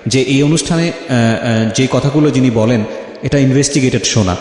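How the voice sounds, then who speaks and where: Questioning a guest and speaking to listeners, this life-story interview host is emphatic, repeating phrases to drive points home. His medium-pitched voice is a little mellow and moves at a moderate pace, heard in a very echoey space with long reverb.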